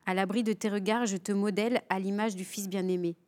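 A woman guest on a TV studio show, reading a spiritual text aloud in a measured, raised voice. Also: medium pitch, steady tone, darkish tone. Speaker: guest, author.

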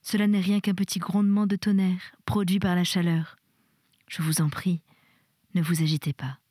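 A woman reading a storybook voices a calm, motherly nursing sister who speaks gently and soothingly. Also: on the low side, normal speed, slightly rough, dry recording, clean studio sound. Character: calm motherly nurse nun, gentle and patient.

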